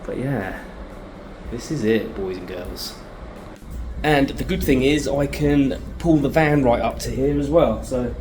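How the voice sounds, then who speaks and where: A British man with a mid-range voice records a casual video diary over background noise. He chats informally and thinks aloud while showing the space around him.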